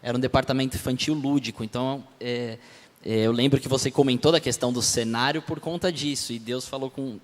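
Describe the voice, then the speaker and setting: A man adding to a story at a live event, halting and repeating words as he thinks. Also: mid-range voice, steady tone. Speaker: co-speaker at the event. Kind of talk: casual live talk. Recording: long hall reverb.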